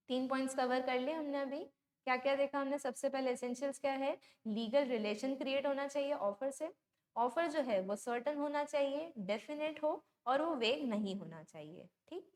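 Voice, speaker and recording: This is a high-voiced woman, teaching a law class in a chatty way. She keeps asking her students questions and tells little stories. When she reads out English legal terms, she slows right down. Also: a little mellow. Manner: explains by story, asks rhetorical questions. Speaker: law lecturer. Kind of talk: conversational Hindi lecture with English terms.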